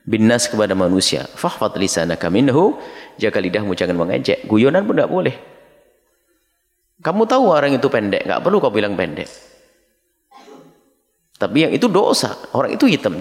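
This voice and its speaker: A middle-aged male preacher gives a dawn sermon, reading short Arabic lines and then explaining each one. His voice rises and falls in wide, animated swings. The long reverb of a big hall trails after every phrase. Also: mid-range voice. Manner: reads Arabic phrases then explains them, addresses listeners as his children. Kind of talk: dawn sermon teaching from a text.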